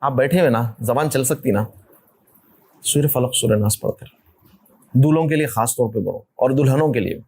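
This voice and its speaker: A man with a South Indian Hindustani accent, leading a marriage workshop as an informal religious talk, conversational and animated, teasing his listeners and acting out quick voices. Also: mid-range voice, husky.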